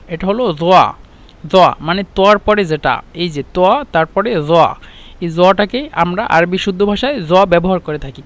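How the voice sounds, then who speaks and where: Guy with a fairly high voice teaching arabic, says each word over and over, spells letters out slow. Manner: explains slowly, repeating words and spelling letters aloud. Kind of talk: spoken language lesson.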